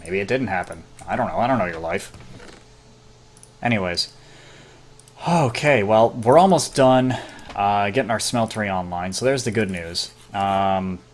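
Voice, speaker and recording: A casual gamer narrating his own gameplay, chatty and self-deprecating, with excited outbursts. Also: low voice, normal speed, pauses often. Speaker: gameplay commentator. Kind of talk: casual let's-play commentary.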